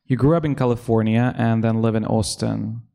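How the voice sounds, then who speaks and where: A man interviewing a poet, asking questions in a gentle, affirming, measured way. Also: mid-range voice, steady tone, creaky.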